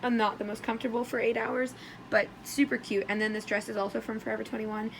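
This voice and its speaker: Bubbly sorority girl with a creaky, hoarse voice. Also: on the high side, flat delivery, fast, slight background noise, rough recording. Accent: American. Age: young adult. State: hoarse, losing her voice. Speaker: vlogger. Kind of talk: casual chatty vlog.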